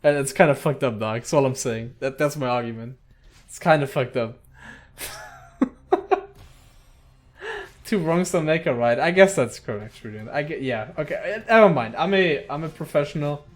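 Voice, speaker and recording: Lively young man swearing through game commentary. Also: medium pitch, brisk. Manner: swears a lot, laughs often, chats with viewers. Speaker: tournament commentator. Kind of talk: casual solo esports commentary.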